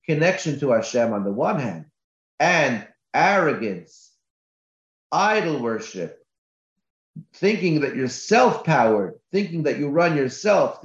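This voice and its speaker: A man, a rabbi, giving a Torah class with emphatic repetitions, recorded lo-fi in an echoey room. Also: a little high.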